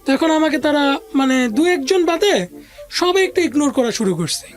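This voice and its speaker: As an interview guest, a woman with a Bangladeshi accent tells a personal story in casual, colloquial Bengali, mixing in occasional English business words. Her high voice is expressive and normal in speed, with music playing underneath.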